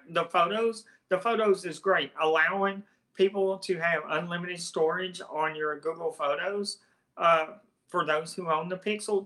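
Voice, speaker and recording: Southern man, tech YouTuber, casual and hesitant delivery, bright forward tone. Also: a little high. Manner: rambling, hesitant, restarts phrases. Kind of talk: casual talk to camera.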